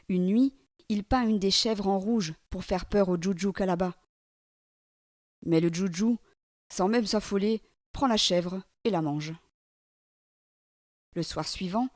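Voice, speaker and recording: A woman storyteller reading a children's book aloud in a clear, steady narration. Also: mid-range voice, no room sound, studio quality.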